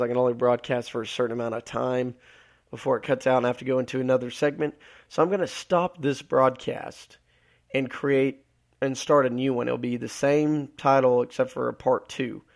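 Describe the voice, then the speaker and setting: A man from Alabama, hosting a solo live podcast, losing his voice and rambling with many filler words. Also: mid-range voice. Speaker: podcast host.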